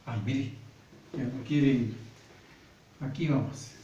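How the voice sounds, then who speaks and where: A man with a Guatemalan Spanish accent teaching a grammar lesson slowly and patiently, often checking in with "¿verdad?". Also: mid-range voice, steady tone, dark tone, lo-fi sound. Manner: patient, repeats points, often asks "¿verdad?". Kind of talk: slow classroom grammar lesson. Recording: echoey room, voice from far off, faint noise.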